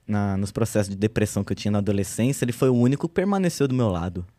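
A man in his thirties, a guest artist in a relaxed podcast chat, telling his story with slang and lively quoted speech. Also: fairly low pitch, rapid-fire, no echo. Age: 30s.

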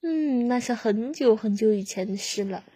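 A boastful little green alien chick, as a woman reading a storybook puts it on, explaining things cheerfully. The voice is high and breathy. It sounds dry and close. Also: expressive, normal speed, mellow, dry recording. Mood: proud.

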